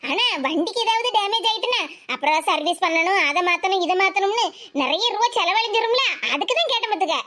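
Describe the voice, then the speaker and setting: A woman's voice: very high voice, lively intonation, brisk, hardly any pauses, sharp tone, slight background noise, exaggerated voice. A woman voicing a blunt, practical middle-aged sister-in-law with a Kanyakumari Tamil accent, in a cartoon.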